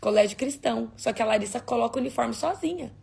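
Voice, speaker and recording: Gravelly-voiced woman preaching emphatically. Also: fairly high pitch, expressive, fast talker, a little mellow. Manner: emphatic, asks the audience rhetorical questions. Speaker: preacher hosting a prayer livestream. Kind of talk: livestream sermon and prayer.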